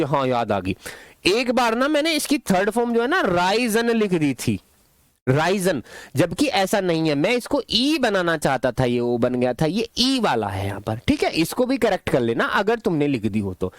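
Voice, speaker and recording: A male teacher with a lively, sing-song voice that leaps up and down as he explains words. He quizzes his students playfully and answers his own questions. The recording is close and dry, with no room sound. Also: on the high side, no echo. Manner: affectionate toward students. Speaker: English teacher. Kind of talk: classroom-style language lesson.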